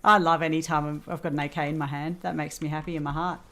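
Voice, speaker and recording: A woman's voice: sits low, flat delivery, fast talker, bright, forceful tone, slight background noise. A woman streaming a military game, chatting casually with teammates, giggly and full of questions. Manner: giggly, unsure, asks many questions. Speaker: streamer and player. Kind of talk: casual gaming chat.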